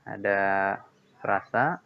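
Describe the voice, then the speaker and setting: A man's voice: lowish voice, expressive, slow, vocal fry. A man teaching a grammar lesson, explaining patiently and repeating key points with checks like "ya" and "nah". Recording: dull lo-fi sound.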